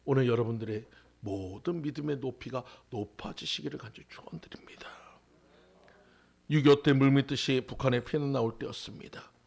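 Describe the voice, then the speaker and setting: A male pastor preaching a sermon. He moves between impassioned raised calls and hushed, whispered lines. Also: mid-range voice, brisk, creaky.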